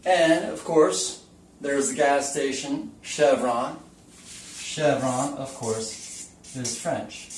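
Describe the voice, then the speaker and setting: A man's voice: mid-range voice, very slow, slight background noise. A man giving a casual whiteboard lesson, chatty and folksy, asking the viewer questions as he goes. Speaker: teacher. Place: room with the camera taped to the wall. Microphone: camera mic from across the room. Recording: roomy echo, distant camera mic.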